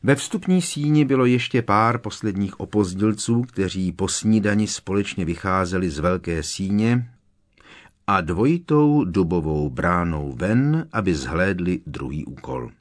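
A man reading a novel aloud as an audiobook narrator, in an expressive, dramatic way. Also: low voice. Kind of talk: scripted narration.

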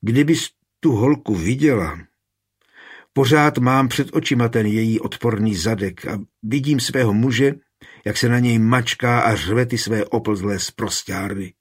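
A man with a husky voice reading an audiobook, raising his voice for an impulsive, bitter young woman. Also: mid-range voice, close to an everyday voice.

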